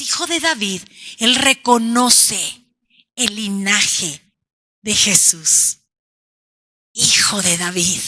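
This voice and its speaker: A woman pastor, preaching a sermon to her congregation with emphatic delivery. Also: sits high. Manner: preaching emphatically, calling out lines as shouts; addresses congregation as brothers and sisters. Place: church.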